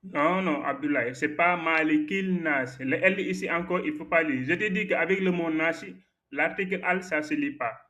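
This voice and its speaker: A man's voice: on the high side, normal speed, pushed and bright. A man teaching a Quran recitation lesson, patiently correcting a student's errors and repeating the right forms, with frequent hesitations.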